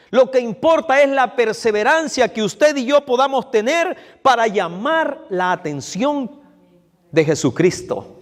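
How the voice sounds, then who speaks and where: A man with a high voice preaches an evening sermon in a church hall, the long reverb trailing after his words. He talks slowly and deliberately, turning to the congregation with direct questions and repeating key phrases for emphasis.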